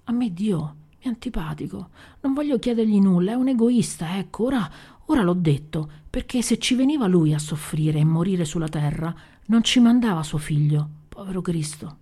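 A woman voicing a hungry nine-year-old boy, bitter and defiant, speaking in a hushed, often whispered voice in a storybook reading. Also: on the low side, animated, moderate pace, hardly any pauses, husky.

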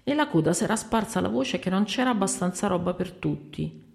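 A woman reading a short story aloud in an expressive storytelling manner. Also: mid-range voice, fairly quick, creaky.

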